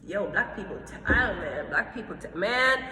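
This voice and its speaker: Her mid-range voice moving a little fast, a Jamaican woman vents to camera in a casual vlog, with the roomy sound of a big space. The telling is animated, blunt, and full of swearing, and she plays out small conversations as she goes.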